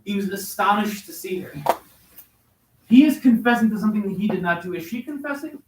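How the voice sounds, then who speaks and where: High-voiced male teacher in an echoey room. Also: lively intonation, brisk, background noise. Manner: questioning, coaxing students. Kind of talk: classroom lesson. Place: classroom. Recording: very echoey classroom from far off.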